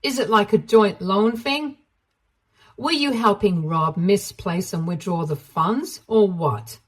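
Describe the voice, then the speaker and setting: A woman's voice: mid-range voice, slow pace, husky. A woman doing a clever, ruthless schemer. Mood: cutting. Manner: sweet but cutting, triumphant.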